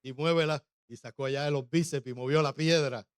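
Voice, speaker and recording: A man's voice: mid-range voice, steady tone, fairly quick, clear, resonant tone, no room sound, studio quality. A male pastor preaching a humorous sermon, often putting questions to the congregation.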